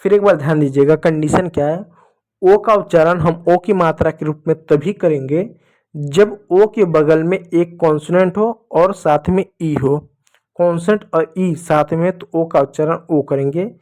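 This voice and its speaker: A man's voice: on the high side, moderate pace, a little mellow. A man with a Hindi accent, an English teacher explaining a lesson step by step, repeating each rule and asking his students questions back. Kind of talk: blackboard lesson for learners.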